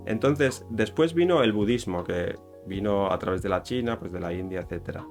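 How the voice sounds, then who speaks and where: A man with a Spain Spanish accent talks through a topic in a loose, chatty way, often stopping to correct himself. His voice sits on the lower side, and soft guitar music plays faintly behind him. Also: normal speed. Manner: rambling, with many fillers and self-corrections. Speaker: YouTuber explaining Japanese culture. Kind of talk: casual explanatory talk.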